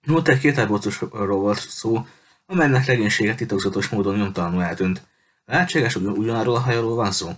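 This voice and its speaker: A man reading a novel chapter aloud in steady, measured narration, with the odd small stumble. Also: lowish voice. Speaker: audiobook reader. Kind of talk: scripted narration.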